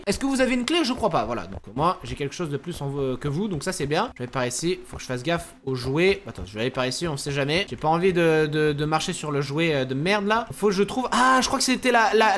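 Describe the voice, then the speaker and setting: A man's voice: high-pitched, fairly bright tone, a little hiss or hum. A man giving casual let's-play commentary as a gaming YouTuber. He talks to his viewers, swears casually, and shrieks and giggles when startled.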